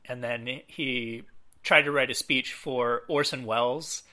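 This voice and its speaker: Bright-voiced man chatting about films. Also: mid-range voice, takes it slowly. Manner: relaxed, lots of fillers, acts out quotes. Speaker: podcast co-host. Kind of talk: casual film discussion.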